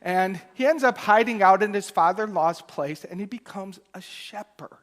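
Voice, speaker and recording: A male minister preaching a Sunday sermon in church, moving between loud emphatic bursts and soft, quiet asides. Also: sits high, moderate pace. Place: church during a Sunday service.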